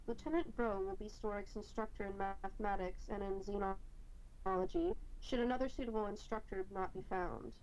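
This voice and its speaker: A woman reading a story aloud in a measured, precise way over an internet call, her audio briefly cutting out mid-sentence. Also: mid-range voice, a little mellow, soft background music. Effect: internet call audio with brief dropouts. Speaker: reader. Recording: dull lo-fi call audio, faint noise.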